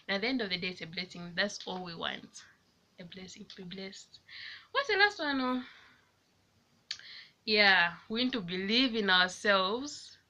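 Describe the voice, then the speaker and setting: Woman, casual motivational vlog, rambling, laughs often, bright tone. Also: mid-range voice. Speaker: vlogger. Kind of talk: casual motivational talk to camera.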